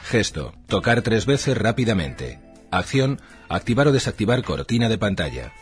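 Low-pitched man reading instructions, animated intonation. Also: moderate pace, soft background music. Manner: formal, reading out in short labelled items. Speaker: narrator of an instruction manual. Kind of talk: scripted instructional narration.

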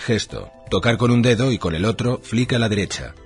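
A man with a low voice narrates an instruction manual, formally reading short labelled items while his intonation swings noticeably. He sounds very animated and speaks fairly quickly. Faint music plays in the background.

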